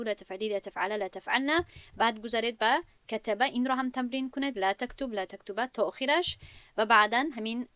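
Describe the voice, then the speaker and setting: A woman's voice: medium pitch, a bit bright, smooth, no room sound. A woman with a Tajik accent teaching an Arabic grammar lesson, methodically reciting conjugation tables aloud.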